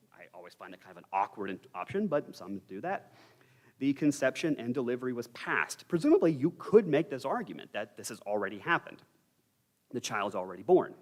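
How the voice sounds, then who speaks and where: A young man teaching an informal Bible study lecture in a church, candid and conversational with wry asides. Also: mid-range voice.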